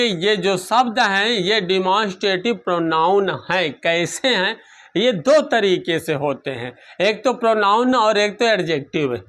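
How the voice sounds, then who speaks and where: A man's voice: high-pitched, a bit bright. A man teaching a grammar lesson, asking questions and answering them himself, repeating key terms.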